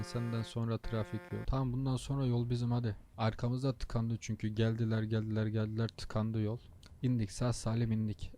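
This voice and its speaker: A man's voice: mid-range voice, dark tone. A tired young man hosting a gaming channel, chatting casually while he plays and grumbling at the traffic, swearing under his breath. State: tired, low on energy. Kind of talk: casual gameplay commentary.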